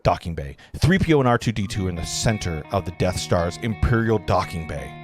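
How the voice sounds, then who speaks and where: Here a low-voiced man narrates at a table read, animated and fairly quick as he earnestly reads out stage directions from a screenplay. He stumbles occasionally, with music behind him.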